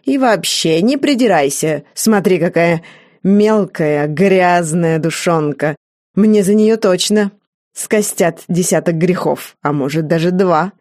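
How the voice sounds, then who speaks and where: A woman voicing a cocky young knight's ghost, his words drawn out slow and teasing. There is a cold threat under the mockery. It is a dry, close audiobook read. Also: on the low side, a little mellow, dry recording. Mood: mocking.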